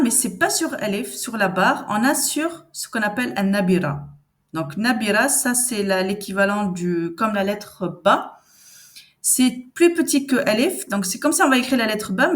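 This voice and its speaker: Patient woman teaching letters slowly. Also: mid-range voice. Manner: patient, repeats sounds slowly and syllable by syllable; conversational, anticipates learners' questions. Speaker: Arabic reading teacher. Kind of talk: step-by-step reading lesson.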